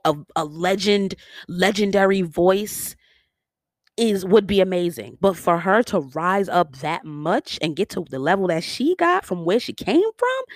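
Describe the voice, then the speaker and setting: A New York-accented vlogger talking through a review in a loose, chatty way. The delivery is animated and sassy, full of slangy asides to the audience. The sound is dry and close, with no room around it. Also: medium pitch, no echo. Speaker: vlogger reviewing a biopic series. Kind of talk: casual opinion commentary.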